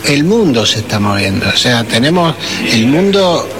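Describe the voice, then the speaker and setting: A man's voice: medium pitch, very animated, normal speed, over music. A man speaking hesitantly at a conference as the head of a business group. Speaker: business association president. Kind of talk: event interview soundbite. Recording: crowd audible behind at event.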